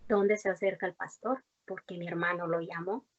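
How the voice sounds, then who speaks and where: A woman's voice: fairly low pitch, fairly even intonation, moderate pace. A young woman gives a heartfelt personal faith testimony in conversation, earnest and rambling, with many fillers and restarts. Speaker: guest giving a faith testimony. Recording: dull lo-fi recording.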